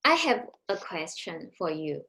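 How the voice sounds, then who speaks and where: A woman's voice: lowish voice, sing-song, unhurried, sharp tone. A woman whose first language is Chinese, co-hosting a casual chat in simple, careful phrases.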